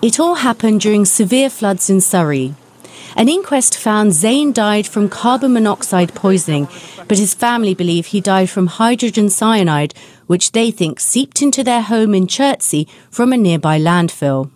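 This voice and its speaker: Female news reporter, medium pitch. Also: lively intonation, moderate pace, a little mellow, slight background noise. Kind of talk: scripted news report narration.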